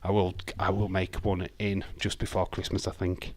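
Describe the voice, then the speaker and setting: A deep-voiced livestream host from Yorkshire, England, with a broad accent, chats casually during a live watch-along. He reads viewer comments aloud, swears, and fills pauses with lots of "uh" and "um," all in a level tone with no room sound.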